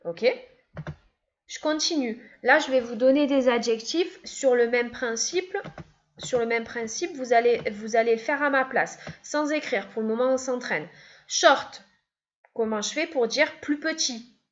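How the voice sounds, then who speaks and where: A woman's voice: a little high, unhurried. A woman teaching an English grammar lesson, patiently repeating each step. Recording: dull, lo-fi sound.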